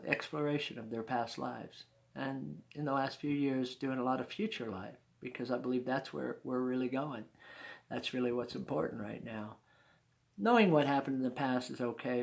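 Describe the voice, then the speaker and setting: A man's voice: medium pitch, creaky. An older man in his sixties telling a personal story in a folksy, chuckling way. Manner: folksy, chuckling, warm-hearted asides.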